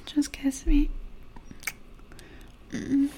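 A woman performing an intimate audio roleplay in a soft, breathy whisper. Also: sits high, flat delivery, drawn-out words, rough recording.

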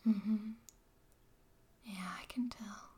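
A woman playing a mocking, controlling former dominatrix in a whispered audio roleplay, talking to the listener in a slow, taunting way. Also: mid-range voice, fairly even intonation, warm tone.

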